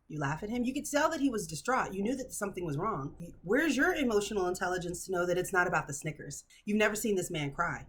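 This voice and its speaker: Fired-up lady vlogger, husky voice, lots of emphatic sermonizing. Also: medium pitch. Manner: animated, emphatic, preachy. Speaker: reaction channel host. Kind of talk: reading and reacting to online posts.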